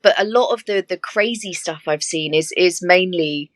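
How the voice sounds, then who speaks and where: A woman who works as an air hostess, telling stories in a chatty, animated way with laughing asides. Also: fairly low pitch, moderate pace, dry recording. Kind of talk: casual interview chat.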